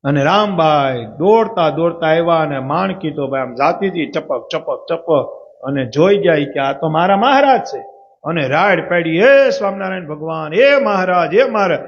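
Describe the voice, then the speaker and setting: Man, high voice, Saurashtrian accent, storytelling preacher at a religious gathering, muffled recording. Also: animated, normal speed. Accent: Saurashtrian Gujarati. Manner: asks the audience rhetorical questions. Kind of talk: devotional story sermon. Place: religious assembly.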